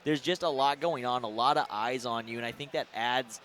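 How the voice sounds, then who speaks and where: A young man co-commentating a live esports event in a relaxed, joking way. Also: medium pitch, fairly quick, a little hiss or hum. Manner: laid-back, joking, trails off and restarts. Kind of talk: casual live commentary banter.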